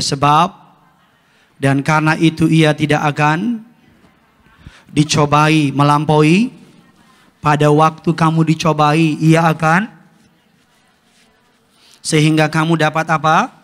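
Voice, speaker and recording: A man preaching a lively sermon as pastor, animated and slangy, with loud mocking voices for the people he describes. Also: a little high. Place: church sanctuary. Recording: echoey church hall.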